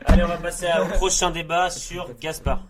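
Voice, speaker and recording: A man's voice: fairly high pitch, steady tone, moderate pace, loud music behind the voice. A young man chatting casually with friends and joking offhandedly. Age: young adult. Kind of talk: casual chat among friends.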